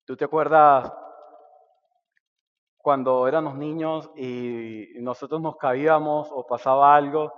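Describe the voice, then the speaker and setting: A man preaching a sermon, swinging between loud and hushed. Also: a little high, steady tone, slow pace, clean tone, big-room sound, dull audio. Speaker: pastor. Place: church sanctuary.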